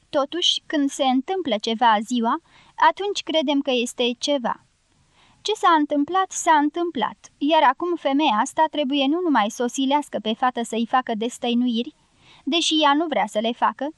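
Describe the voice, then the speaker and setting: A dry, skeptical young man from an audiobook, as a woman narrator reads him. His thoughts unfold in a wry, reasoning voice. It is read high and very close to the mic. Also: no echo, close to an everyday voice. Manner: wry, reasoning inner monologue.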